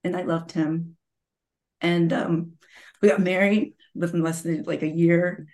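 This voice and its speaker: A woman's voice: fairly low pitch, a little slow. A woman in her forties telling her personal story candidly, acting out quoted voices with emotion. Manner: emotional, confessional, animated quotes. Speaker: guest sharing her story.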